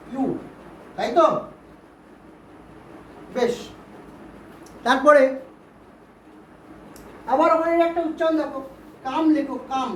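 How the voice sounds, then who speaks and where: A woman's voice: high-pitched, a little mellow. A woman teaching English vowel sounds to pupils, patiently repeating words and asking questions to check they follow. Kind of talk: Bengali-language grammar lesson. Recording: roomy, distant, faint background hiss.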